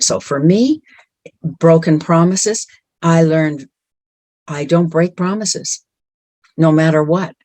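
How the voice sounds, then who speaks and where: Her voice sits low and mellow, recorded with no room sound. A middle-aged speaker at a women's empowerment event, she delivers an earnest, encouraging motivational talk, frequently repeating words for emphasis.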